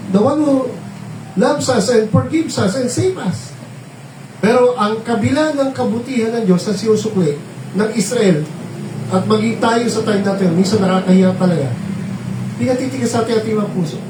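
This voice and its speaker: High-voiced man preaching in a roomy hall. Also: normal speed, noisy background. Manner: mixes Tagalog and English, frequent tag questions. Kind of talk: sermon. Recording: roomy, distant mic, faint ambience.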